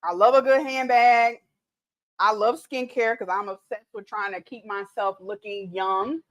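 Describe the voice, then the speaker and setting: A woman in her late thirties chats casually on her cooking livestream, a little tipsy from mimosas, laughing easily and reading viewer comments aloud. Her mid-range voice holds a steady tone at a slightly slow pace.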